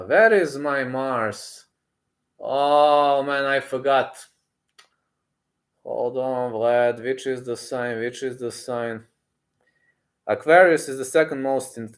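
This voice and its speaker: A man in his thirties with a mid-range voice hosts a casual, unscripted livestream, answering viewer comments. He halts and repeats himself, thinking aloud as he goes.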